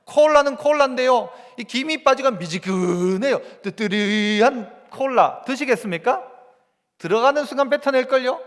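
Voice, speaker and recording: A man's voice: very high voice, expressive, normal speed. A male pastor with a Gyeongsang accent preaching a sermon in church, asking the congregation rhetorical questions. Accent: Gyeongsang Korean. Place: church sanctuary. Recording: long church reverb.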